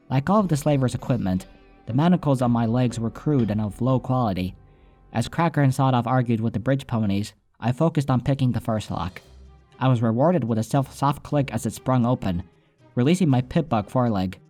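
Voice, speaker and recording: A man with a warm, mid-range voice reads a scripted first-person story as an audiobook narrator, with soundtrack music behind him.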